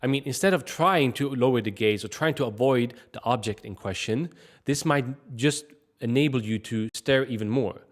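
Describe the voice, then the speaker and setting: A man's voice: mid-range voice, normal speed. A man from Sweden, giving direct, conversational advice in a casual fitness vlog. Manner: direct, conversational, frequent "like" and "I mean" fillers. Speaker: fitness vlogger.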